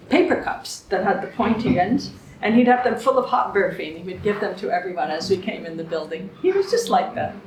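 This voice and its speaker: A woman's voice: mid-range voice, slight background noise. A woman in her seventies telling anecdotes to a small group, chatty, often laughing and acting out what people said. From Canada. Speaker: guest speaker. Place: room with a small live audience. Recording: echoey room.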